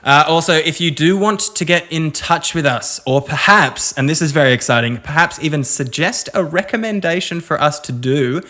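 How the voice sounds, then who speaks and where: A man's voice: on the high side, expressive, normal speed, few pauses, sharp tone. A man co-hosting a casual comedy podcast, running through plugs and contact details with dry little asides. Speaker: podcast co-host.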